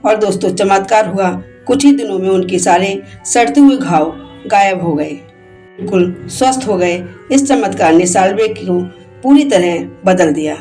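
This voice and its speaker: A woman's voice: mid-range voice, warm tone. A woman narrating a devotional story in an emotive, dramatic storytelling manner.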